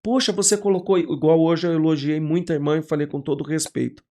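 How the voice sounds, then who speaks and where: Animated pastor telling stories. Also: male voice, on the high side, brisk. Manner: animated storyteller who acts out quoted voices. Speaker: guest pastor. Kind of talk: casual podcast conversation.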